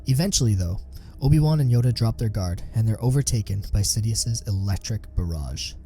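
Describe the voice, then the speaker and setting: A man giving scripted narration of a sci-fi story in an even storytelling manner. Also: fairly low pitch, a little fast, faint music behind.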